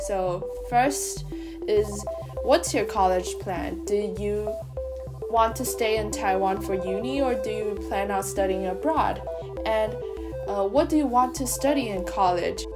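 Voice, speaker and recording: Young woman, played-back voicemail, friendly questioning listener, strong music bed. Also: medium pitch. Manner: friendly, curious, asks questions. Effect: played back as a recorded voice message. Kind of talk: casual spoken message.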